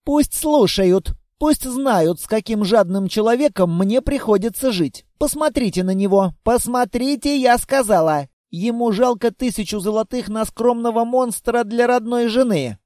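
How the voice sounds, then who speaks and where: A man voicing a capricious, haughty young wife who is shrill and theatrical. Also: normal speed, hardly any pauses, dark tone, dry recording, studio quality. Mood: demanding.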